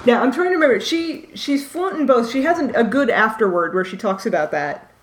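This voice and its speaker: A woman's voice: a little high, expressive, a little fast. A woman co-hosting a casual discussion of literature, talking off the cuff. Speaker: podcast co-host.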